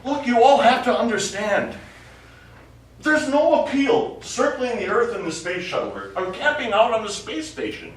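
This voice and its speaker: A stage actor in a short play performs live dialogue as a quiet, guarded male astronaut explaining himself to his crew, using a high voice with big pitch swings at a moderate pace. He sounds earnest and insistent. The recording comes from audience distance in a small theater studio, echoey and distant, with faint noise.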